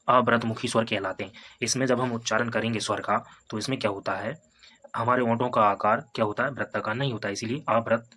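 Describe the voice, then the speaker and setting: A man teaching a Hindi grammar lesson for exam preparation. He repeats each point, sounds out vowels slowly as examples, and keeps checking in with "है ना" and "ठीक है". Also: medium pitch, sharp tone, slight background noise. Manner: repetitive, explains step by step with tags like "है ना" and "ठीक है".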